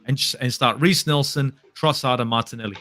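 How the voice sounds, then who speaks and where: A man talking football casually, animated and swearing now and then. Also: medium pitch, a little fast. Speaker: podcast guest.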